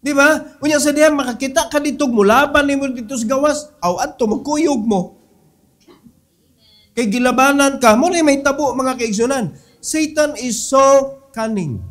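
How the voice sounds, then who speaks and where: A middle-aged male pastor with a Cebuano accent, preaching in a high voice. He swings from loud, ringing exhortation to soft, low asides, dropping English phrases into his sermon.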